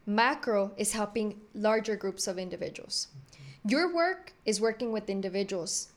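A woman's voice: medium pitch, measured pace. A woman activist and organizer in a podcast discussion, assertive and emphatic, often checking for agreement.

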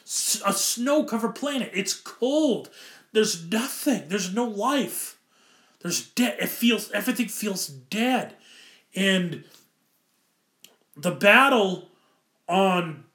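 Enthusiastic high-voiced man reviewing films. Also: sharp tone, echoey room. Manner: rambling, enthusiastic, self-correcting. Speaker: film reviewer. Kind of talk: casual film commentary.

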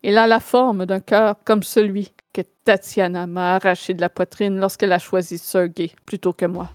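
A woman's voice: medium pitch, little pitch movement, moderate pace, clean tone, no room sound, clean studio sound, lightly acted. A woman voicing a brooding, possessive male vampire lord in a tabletop game, with solemn, declamatory delivery. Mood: bitter.

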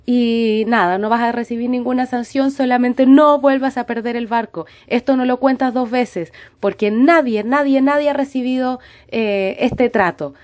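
A brisk, bossy female manager on a cruise ship, as a woman telling the story puts her on. She gives firm, scolding orders in a raised, pushy voice, spoken aloud in a casual story. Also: fairly high pitch, darkish tone, pitched above the performer's own voice, natural voice.

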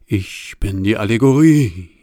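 A man's voice: lowish voice, lively intonation, a little slow, dark tone, no room sound, studio quality. A man reading aloud and voicing a pompous personified Allegory that keeps solemnly repeating itself. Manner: solemn, self-important repetition. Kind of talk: audiobook reading.

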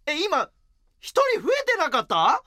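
A man performing manzai comedy as the exasperated straight man with sharp retorts. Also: very high-pitched, huge pitch swings, a little slow, no room sound, clean studio sound.

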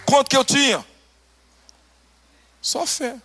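A male pastor with a Brazilian Portuguese accent preaching a testimony sermon, acting out conversations and swinging between loud bursts and hushed lines. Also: extremely high pitch, slow pace, soft background music.

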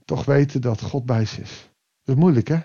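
A man preaching a devotional sermon, reflective and pausing, rising with emphasis and then dropping to a quiet voice. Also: mid-range voice, breathy edge, dull audio.

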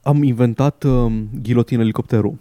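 A man's voice: medium pitch, fairly even intonation, mellow, dry recording. A man co-hosting a casual podcast, joking sardonically and reading news aloud. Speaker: podcast co-host. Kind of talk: casual chat.

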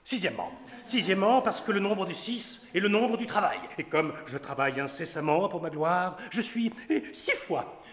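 Playing a boastful, pompous doctor in a classic comedy on stage, a man speaks at a moderate pace in a high voice with lively intonation. He lectures, counts his points aloud and shows off Latin, and the echoey hall gives long reverb.

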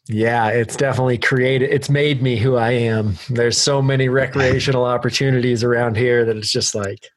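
A man's voice: fairly low pitch, no echo. A man from Oregon hosting a podcast interview over a video call from his bedroom, talking casually and rambling with fillers. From Oregon, USA. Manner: laid-back, rambling with fillers. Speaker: podcast host. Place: bedroom at home.

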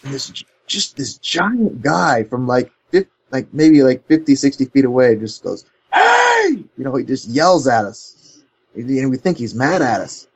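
A man's voice: mid-range voice, moderate pace, slightly rough. A man being interviewed as a company co-founder, telling stories in a rambling way full of "like" and "you know". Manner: rambling, heavy with "like" and "you know", animated storytelling. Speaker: guest, co-founder of a controller company. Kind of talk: casual interview chat.

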